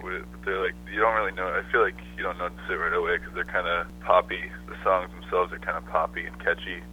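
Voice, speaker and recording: A man talking over the phone as a songwriter guest, relaxed and loose, with many fillers. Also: low voice, quick pace. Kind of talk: casual phone interview. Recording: muffled phone line with faint hiss.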